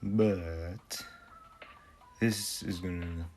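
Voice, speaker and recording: Playful lower-voiced man hosting a game video. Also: steady tone, extremely slow, a little mellow, faint music behind. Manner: playful, laughs often, swears casually. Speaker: gaming video host. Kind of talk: casual gameplay commentary.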